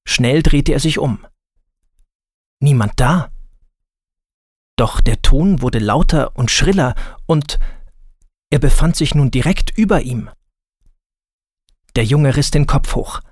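A man narrating a scripted children's story in a calm, deliberate manner. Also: mid-range voice, slightly rough, no room sound, clean studio sound.

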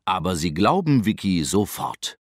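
A middle-aged man narrating a children's storybook in a lively, expressive, unhurried manner. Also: low voice, dry recording, clean studio sound.

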